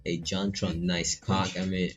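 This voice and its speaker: Darkish in tone with a breathy edge, a low-voiced Filipino man casually narrates a game for his stream, adding playful slang here and there. The mic is lo-fi and a bit dull, with game music faintly audible.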